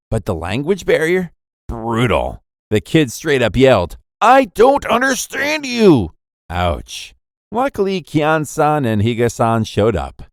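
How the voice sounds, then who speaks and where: A man's voice: mid-range voice, dry recording, studio quality. A man narrating an anime recap in a playful, jokey storytelling manner.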